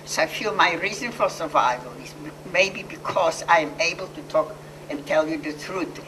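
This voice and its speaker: An older Polish woman who survived the Holocaust gives an earnest personal testimony to an audience in a Polish accent, speaking haltingly with frequent restarts and mid-sentence self-corrections. Her voice is deep and sounds far from the mic, with background noise.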